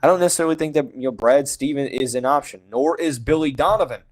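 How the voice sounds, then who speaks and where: A man hosts a sports podcast in a quick, medium-pitched voice, and the recording quality is low. He's frank and opinionated, claims he calls it as he sees it, and keeps restarting with lots of "you know." He has the hiccups through this casual sports monologue.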